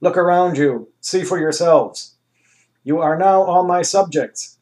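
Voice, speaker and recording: A man voices the booming, pompous anus-king of a comic story, issuing orders in a slow, grandiose, commanding way. His pitch is raised to a little high and a little mellow, though it still sounds natural.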